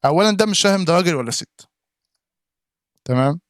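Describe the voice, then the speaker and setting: A man with an Egyptian accent reacts to a game showcase on his live stream. He talks quickly in a slightly raised voice and keeps calling out viewers in chat by name. The sound is dry, with no room echo. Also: a little high, lively intonation. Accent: Egyptian Arabic.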